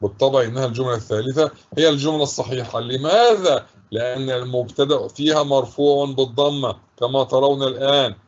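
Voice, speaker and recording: A man teaching a grammar lesson to schoolchildren with an Egyptian accent, patiently reading example sentences slowly and repeating them. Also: mid-range voice. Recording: husky voice, dull lo-fi recording.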